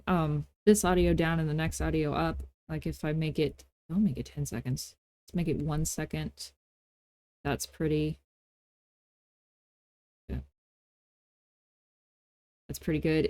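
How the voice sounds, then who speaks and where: A woman hosts a relaxed, unscripted software tutorial, joking around in a folksy way with loose grammar and little digs at herself. Her voice sits low, and there's no echo.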